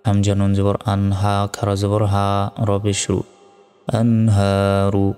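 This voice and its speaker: A man teaching Quran reading, spelling out syllables slowly and then reciting them in a melodic chant. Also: on the low side, monotone, dark tone, smooth. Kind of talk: letter-by-letter recitation lesson. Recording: long reverb hall with faint music.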